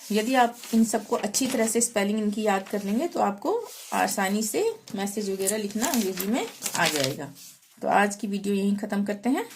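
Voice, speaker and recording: A woman teaching a language lesson, reciting syllables one by one and calmly explaining how each is spelled and pronounced. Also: mid-range voice, moderate pace, noisy background. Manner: patient and methodical, spelling out sounds one by one.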